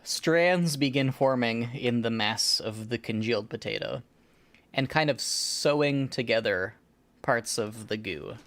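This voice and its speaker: A man acting as game master narrates a tabletop role-playing game, describing scenes in a halting, improvised way. His voice is medium in pitch with a fairly bright tone.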